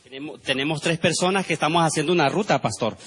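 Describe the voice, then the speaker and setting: A man's voice: fairly high pitch, fast, a crowd in the background. A man pastor giving a fervent church testimony, repeating phrases and saying amen often. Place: church service.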